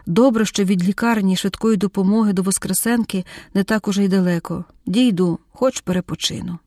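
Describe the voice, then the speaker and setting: A woman's voice: mid-range voice, brisk, dark tone, dry recording, clean studio sound, lightly acted. Mar'iana, a woman reading a weary young woman. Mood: hushed. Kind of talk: audiobook character reading.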